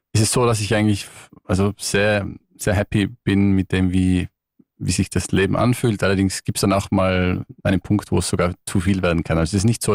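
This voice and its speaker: Ein Mann in seinen Dreißigern aus Tirol mit österreichischem Akzent, der als Gast im Radiostudio nachdenklich und mit häufigen Neuansätzen erzählt. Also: male voice, low voice, a little mellow, no echo, studio quality. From Tyrol, Austria. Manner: thoughtful, with frequent restarts. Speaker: guest musician. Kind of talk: relaxed radio interview. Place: radio studio.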